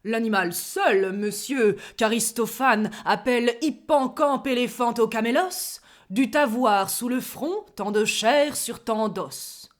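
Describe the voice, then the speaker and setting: A woman plays a proud, witty stage swordsman, reciting a verse monologue with hammy relish and boisterous mockery. She goes slowly and deliberately at a medium pitch, sharply shifting tone to savor each mocking line in a lightly acted delivery.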